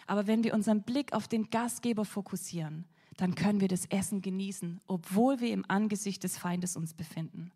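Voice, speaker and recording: A woman preaching a sermon dramatically, swinging between loud emphasis and whispers. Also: medium pitch, brisk, breathy edge.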